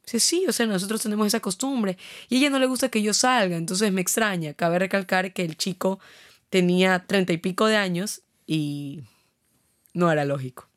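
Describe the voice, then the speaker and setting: A woman, co-hosting a casual chat and telling a story with lively acted-out dialogue. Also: mid-range voice, normal speed, no room sound, studio quality. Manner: animated storyteller acting out quoted dialogue. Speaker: podcast co-host.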